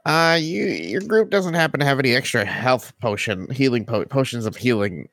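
A man's voice: mid-range voice, expressive, normal speed, a bit bright, no room sound. Male tabletop player, wry and informal, casual in-character chat, dry close sound. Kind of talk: casual improvised role-play.

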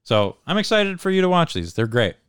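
A man's voice: on the high side, big pitch swings, a little fast, a bit bright, clean tone, no echo, clean studio sound. A man chatting casually as a podcast co-host, laid-back and sweary, peppering his talk with dude and like. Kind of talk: casual chat.

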